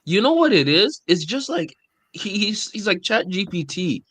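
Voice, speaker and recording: A man's voice: high-pitched, very animated, normal speed, fairly bright tone, no echo. Chatty laughing man, dry sound. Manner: laughs often, says "you know what I mean" a lot. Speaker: podcast co-host. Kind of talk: casual sports chat.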